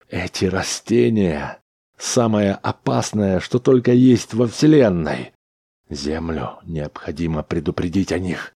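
A man voicing Chauns, a calm, reasoning male starship pilot, speaking in a measured, explanatory way. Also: low voice, slightly rough, no echo, studio quality, pitched above the performer's own voice, heavily acted. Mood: alarmed.

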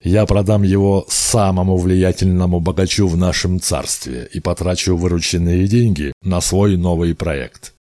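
A man's voice: low voice, fairly even intonation, moderate pace, hardly any pauses, mellow, no room sound, clean studio sound, natural voice. A man voicing a scheming old male sorcerer in an audiobook, sly and knowing. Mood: smug. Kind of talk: audiobook character voice.

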